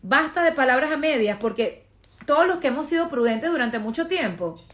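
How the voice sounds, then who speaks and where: A social media influencer with a Venezuelan accent chats emphatically through a get-ready-with-me vlog, repeating phrases for effect. Her high, slightly bright voice has lively intonation, and she talks a little fast.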